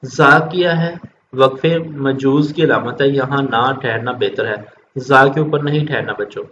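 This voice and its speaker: A man's voice: medium pitch, unhurried, a bit bright. A man teaching children a Quran lesson, patiently explaining step by step and repeating his points. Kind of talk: recorded religious lesson for children. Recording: dull lo-fi recording with faint noise.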